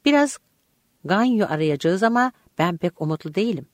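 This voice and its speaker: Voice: mid-range voice, lively intonation, brisk, dry recording, studio quality, natural voice. A narrator voicing a weary village friend who speaks in a resigned, matter-of-fact way.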